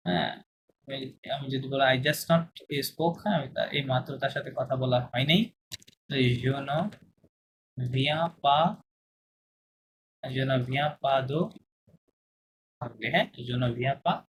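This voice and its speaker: Male tutor on a video call, even mid pitch, patient teaching manner, noisy line. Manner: asks many checking questions, repeats examples slowly. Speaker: language teacher. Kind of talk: online class explanation. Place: online video class. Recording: video call with clear background noise.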